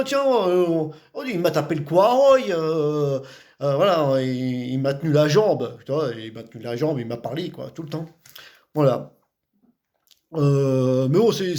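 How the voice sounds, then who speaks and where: A man's voice: a little high, darkish tone. A man from the Vosges with a Vosges French accent, chatting casually about local words, talking in loose repetitive bursts with many fillers. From Vosges, France.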